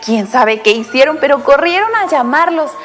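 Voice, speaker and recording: A woman giving a children's Bible lesson, speaking straight to the child with many questions and lively storytelling. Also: high voice, normal speed, long reverb tail. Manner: addresses the child directly with frequent questions; animated storytelling.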